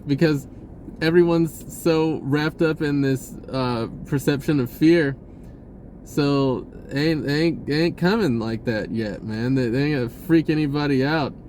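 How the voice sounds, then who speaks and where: A spiritual vlogger, male, delivers a rambling, informal monologue, halting and searching as he repeats words and drifts into laid-back slang. His voice sits on the high side and is a little mellow, with a faint hiss or hum on the recording.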